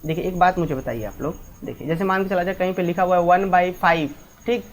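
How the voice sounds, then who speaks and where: A woman's voice: lowish voice, brisk, slight background noise. A woman maths teacher explaining a lesson step by step, mixing English maths terms into her talk and asking students many questions.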